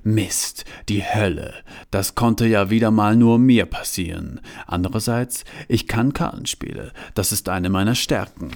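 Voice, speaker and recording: A man's voice: a little slow, a little mellow. A man reading a story aloud, voicing a cocky 27-year-old woman who talks in a brash, challenging way. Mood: grumbling. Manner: brash, challenging, rising into shrill teasing. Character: young woman, 27, feisty and cocky.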